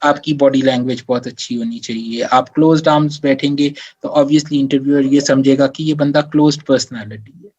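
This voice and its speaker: A man at a middle pitch coaches his listeners on professional conduct. He explains patiently, slips English phrases into his sentences and keeps asking "theek hai". The audio sounds dull and lo-fi. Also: fairly even intonation, brisk, hardly any pauses, a little mellow. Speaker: career advisor. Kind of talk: live Q&A workshop talk.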